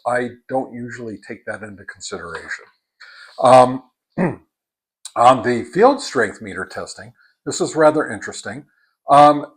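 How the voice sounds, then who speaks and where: A hobbyist reviewer with a medium-pitched male voice gives a casual spoken product review, speaking haltingly and deliberately and repeating words for emphasis.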